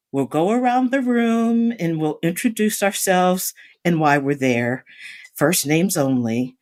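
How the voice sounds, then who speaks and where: A woman hosting her own podcast, telling a personal story about therapy in a candid way, breaking into sarcastic asides. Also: sits low. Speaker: podcast host.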